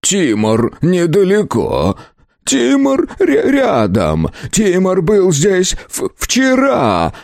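A timid alchemist shopkeeper in a fantasy storybook, slow and courteous in speech, breaking into stammers as fear takes him, as a male narrator puts him on. The voice sits up higher and drawn out, in a dry, close reading. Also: big pitch swings, darkish tone, dry recording, heavily acted. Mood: panicked. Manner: slow, polite, stammering when scared.

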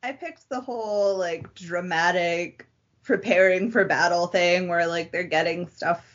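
Female co-host, low-pitched and dry-witted, lo-fi recording. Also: a little slow. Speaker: podcast co-host. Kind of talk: casual podcast chat. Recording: dull lo-fi podcast audio.

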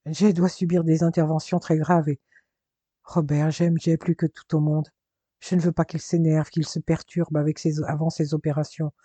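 A man's voice: a little high, level tone, moderate pace, warm tone, no echo, lightly acted. A man reading aloud voices a distressed young woman who pleads formally for help. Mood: anxious.

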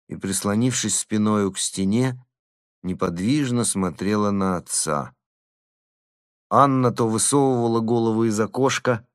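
A man narrating a classic novel with an expressive, dramatic reading. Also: on the low side, dry recording, clean studio sound. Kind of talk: literary audiobook narration.

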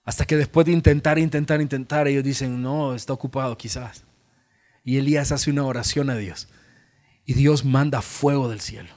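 A male pastor with a Salvadoran accent preaching a sermon, telling Bible stories in an animated, humorous way. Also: medium pitch, brisk. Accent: Salvadoran Spanish.

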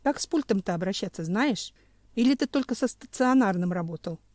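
A brisk, matter-of-fact crewman from the future in an audiobook , voiced by a woman. The mellow, dark voice is dry and close. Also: mid-range voice, expressive, dry recording, natural voice. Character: male future time-patrol crewman, brisk and teasing.

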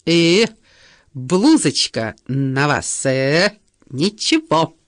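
A woman voicing a nervous, awkward male math teacher who blurts and yelps louder than he should, in an audiobook reading. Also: sits low, huge pitch swings, takes it slowly, breathy edge, no echo, studio quality, exaggerated voice. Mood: leering.

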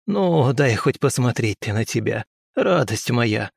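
A man's voice: mid-range voice, animated, a little slow, gravelly, no echo, clean studio sound. A man voicing a shrewd, bossy old village wise woman with a folksy, scolding manner. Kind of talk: audiobook character voice.

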